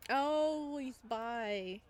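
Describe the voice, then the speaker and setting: Drawing out her words in a voice on the high side, a giggly, playful woman streamer reads a visual novel aloud and remarks on it while playing.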